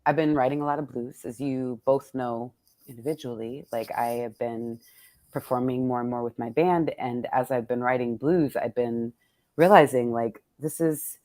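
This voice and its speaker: A poet hosts an event with her readers, thinking aloud in casual, reflective conversation that's playful and colloquial. Her voice is extremely low and dark-toned, and she speaks at normal speed.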